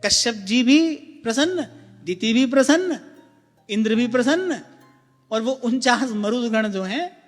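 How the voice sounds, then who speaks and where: A man with a very high voice gives a slow, gentle devotional talk and keeps turning to his listeners with questions. His voice carries a long hall echo, with soft music playing behind it. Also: lively intonation. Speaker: spiritual discourse speaker. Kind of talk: devotional discourse.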